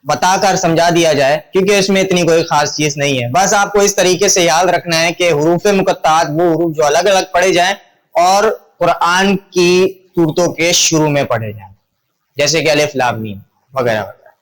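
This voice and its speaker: A man with a Pakistani Urdu accent teaching a lesson informally, drawing out letter sounds slowly and repeating drills, chatty with his viewers. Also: a little high, low-quality recording. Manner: chatty, addresses viewers as brother.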